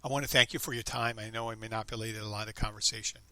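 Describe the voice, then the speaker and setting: A man's voice: fairly low pitch, fairly even intonation, very fast, pushed and bright, dry recording. A man in his fifties hosting a podcast, chatting casually and rambling with frequent restarts. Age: 50s. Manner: rambling, upbeat, self-interrupting. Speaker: podcast host. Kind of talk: casual chat.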